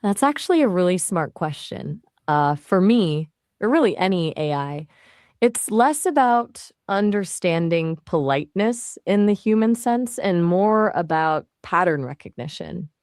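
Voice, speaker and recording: A synthetic woman's voice, a fairly low AI assistant that answers questions in an easygoing, conversational manner. She talks in a chatty way with casual fillers. The sound is close and dry, with no room around it. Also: expressive, measured pace, a little mellow, dry recording.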